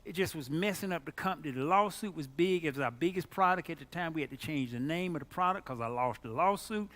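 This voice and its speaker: A male pastor preaching a sermon, telling stories dramatically and swinging widely between low, quiet lines and loud, high ones. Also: animated, fast. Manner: dramatic, storytelling preacher with big pitch swings.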